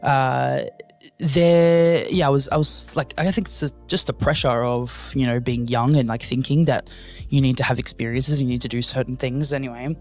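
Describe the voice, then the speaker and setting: A man's voice: medium pitch, fairly even intonation, moderate pace, faint music behind. A young man hosting a casual solo podcast, rambling and joking at his own expense as he talks straight to his listeners. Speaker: podcast host.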